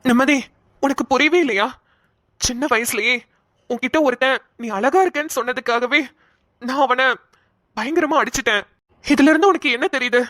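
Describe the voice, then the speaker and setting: A woman playing a shy, halting young man. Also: high voice, a bit bright, dry recording, clean studio sound. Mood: hesitant. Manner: hesitant, halting speech. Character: young man, shy childhood friend confessing love.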